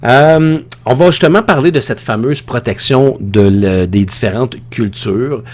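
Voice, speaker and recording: A man from Quebec, Canada, with a mid-range voice and a Quebec French accent, teaches an informal online lecture at a measured pace. A high school teacher, he's conversational and opinionated and often digresses.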